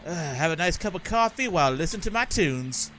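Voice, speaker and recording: Lively, high-voiced man doing game commentary. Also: brisk, poor audio. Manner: jokey, reacting aloud, mutters as he reads. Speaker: let's play host.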